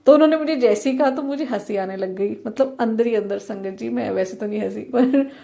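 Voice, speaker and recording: A woman's voice: fairly high pitch, brisk, creaky, mellow. A young woman earnestly sharing a devotional experience, speaking directly to her listeners. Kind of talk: devotional testimony.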